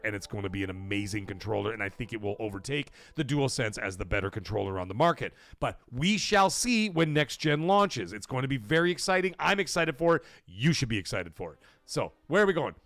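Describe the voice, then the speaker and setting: With an expressive mid-range voice, a gaming livestream host talks briskly and with few pauses, reading super chats and sharing emphatic, profane takes. Donation shout-outs push him loud.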